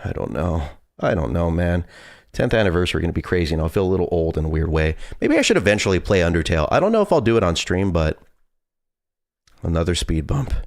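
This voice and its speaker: A man's voice: low voice, big pitch swings, fast, no room sound, clean studio sound. A man in his twenties live-streaming a horror game with casual, nervous, scared commentary and some swearing. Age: 20s.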